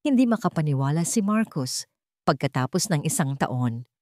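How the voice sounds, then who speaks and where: Narrating a scripted dramatic story, a woman with a Filipino accent reads in a low, darkish voice at a moderate pace. Her delivery is very animated, and the studio recording is clean with no room sound.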